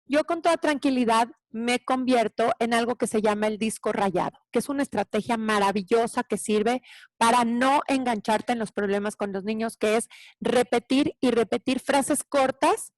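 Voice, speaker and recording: Woman teacher, lively parenting talk, higher register, dry close mic. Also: normal speed, no room sound. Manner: animated, acts out child voices.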